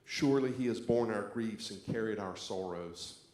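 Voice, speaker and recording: Speaking at normal speed, a man with a fairly low, somewhat mellow voice acts as pastor, welcoming the congregation and leading scripture in a church sanctuary. The sound is echoey with a faint hum of background noise.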